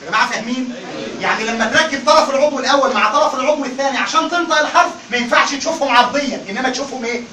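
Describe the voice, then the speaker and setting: High, rapid-fire Egyptian man teaching a class. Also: echoey room, recorded from a distance, a crowd in the background, low-quality recording. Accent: Egyptian Arabic. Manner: animated, keeps calling on the class to answer. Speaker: Quran recitation teacher. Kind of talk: classroom lecture.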